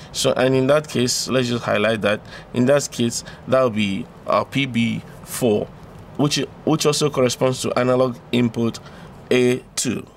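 A man with a mid-range voice gives an informal electronics tutorial, talking through a diagram step by step and repeating phrases for emphasis. There's slight background noise.

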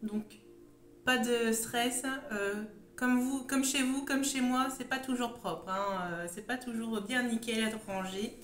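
A woman's voice: a little high, takes it slowly. Roomy-sounding chatty Frenchwoman with a sore throat. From Champagne, France. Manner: talkative, hesitant, wandering. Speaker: hobby video host, first-time vlogger. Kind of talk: casual chatty vlog. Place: room at home with stone walls. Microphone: phone at arm's length or slightly further. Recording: roomy, echoing phone recording with faint music.

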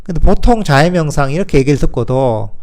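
Man, Buddhist monk, dharma talk, conversational, rhetorical questions, gentle. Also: a little high, lively intonation, a little fast. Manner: gentle, soothing when voicing self-compassion.

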